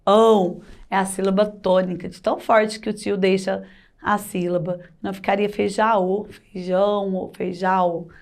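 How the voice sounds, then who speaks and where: A woman teacher with a Brazilian Portuguese accent, giving a children's video lesson with a sing-song reading of example sentences and slow, drawn-out pronunciation of words. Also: mid-range voice, level tone, gravelly.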